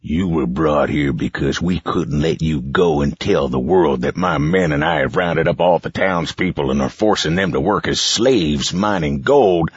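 A man voicing a scheming, sneering mine boss who speaks slowly and with menace. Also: extremely low pitch, husky, no echo, heavily acted. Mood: menacing. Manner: slow, gloating, menacing. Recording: dull, muffled recording.

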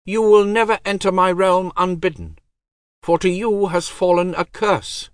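Guy doing a cold solemn death goddess, raised pitch, dry close sound. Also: unhurried, no room sound. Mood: icy, solemn. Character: icy goddess of death, commanding.

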